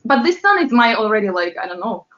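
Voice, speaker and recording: A woman from Latvia, a pop singer guest, chatting in a lively, animated way in an interview. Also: fairly high pitch, quick pace. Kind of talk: casual interview talk. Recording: roomy, slightly muffled sound with faint music.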